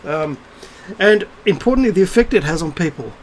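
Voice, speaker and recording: A man's voice: a little high, animated, fairly quick, a little hiss or hum, rough recording. A middle-aged man in an unscripted, ranting video monologue, blunt and profane, rambling with many fillers and restarts. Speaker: video blogger.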